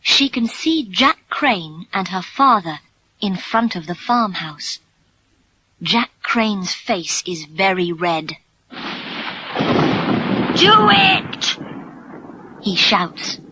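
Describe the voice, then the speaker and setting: A woman with a British English accent reading a graded story for English learners, narrating slowly, clearly and expressively. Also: lowish voice, animated, pushed and bright, low-quality recording. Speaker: audiobook reader.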